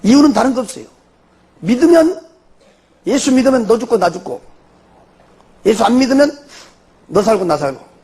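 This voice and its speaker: Gravelly Jeolla-accented pastor telling a testimony. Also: male voice, very high-pitched, normal speed, pauses often. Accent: Jeolla Korean. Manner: animated storytelling with rhetorical questions. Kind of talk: testimony sermon.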